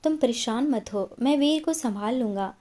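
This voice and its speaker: A kind older father-in-law from a spoken story, read by a woman narrator. He talks softly and reassuringly, comforting the family. The tone is mellow and warm. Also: fairly high pitch, lively intonation, normal speed. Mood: consoling.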